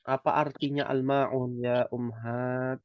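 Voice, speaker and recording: A man's voice: mid-range voice, little pitch movement, measured pace, no room sound, lo-fi sound. A man teaching an Arabic class online, patiently explaining and checking in with his students. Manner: patient, repeats "ya" often.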